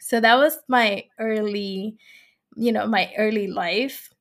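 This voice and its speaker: A young woman from the Dominican Republic, speaking as an interview guest. She talks in a loose, conversational way, full of little fillers. Her voice sits at an ordinary middle pitch. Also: slow, fairly bright tone. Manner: chatty, frequent fillers, laughs often. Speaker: guest, company co-founder. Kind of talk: casual interview chat.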